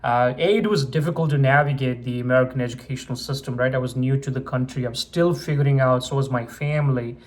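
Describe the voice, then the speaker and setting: A Nepali medical student in his twenties tells his own story to the camera on his channel, speaking earnestly in a mid-range, steady voice. He talks quickly with few pauses, though he uses many fillers and often restarts his sentences.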